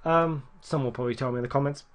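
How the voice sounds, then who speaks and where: A man giving casual, rambling gameplay commentary, correcting himself often and getting excited at near misses. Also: medium pitch, rapid-fire. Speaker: gaming YouTuber.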